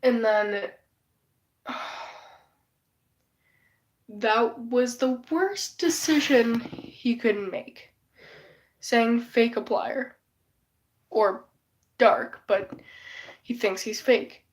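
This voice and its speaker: A woman's voice: on the high side, very slow, long pauses. A woman who is sick and losing her voice, chatting casually on a live stream in a rambling, profane, gossipy way.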